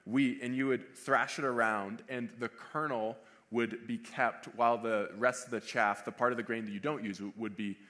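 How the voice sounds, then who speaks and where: A man's voice: mid-range voice, fairly even intonation, normal speed, few pauses, fairly bright tone. Man preaching a conversational sermon. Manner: conversational preaching, restating phrases for emphasis. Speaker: pastor.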